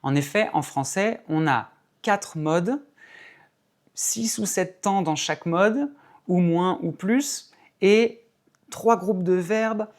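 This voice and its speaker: Measured male English teacher explaining. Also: sits high. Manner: measured, stresses key words, demonstrates pronunciation examples. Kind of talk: explanatory video lesson.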